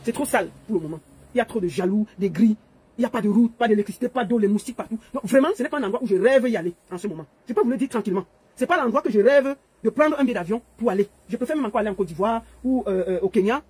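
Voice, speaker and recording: A woman's voice: on the high side, expressive, racing, mellow, breathy edge, no echo. A woman giving an emphatic, repetitive political monologue to viewers. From Cameroon. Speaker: political commentator. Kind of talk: monologue to camera.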